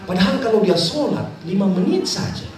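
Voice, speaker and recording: Male preacher, high lively voice, booming echo, mic far off. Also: fairly quick, crowd noise. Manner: animated, swings between high acted voices and low asides. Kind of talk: sermon storytelling. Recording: echoey, distant hall recording.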